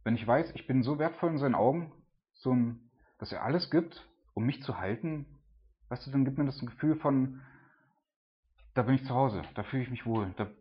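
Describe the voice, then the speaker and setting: Working through a Bible passage in a relaxed way, this middle-aged father and Bible teacher peppers his talk with fillers such as "ne" and "so." He speaks at a normal speed in a husky, medium-pitched voice over dull-sounding audio.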